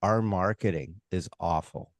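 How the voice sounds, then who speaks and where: An American man talking casually in an interview as a stage hypnotist and comedy performer, emphatic and opinionated, halting and using rhetorical asides. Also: low-pitched, no room sound.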